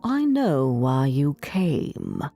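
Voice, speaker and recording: A woman voicing a wicked old female sea witch, speaking slowly and low with a cold, threatening manner. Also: sing-song, dark tone, no echo, soft background music, exaggerated voice. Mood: menacing.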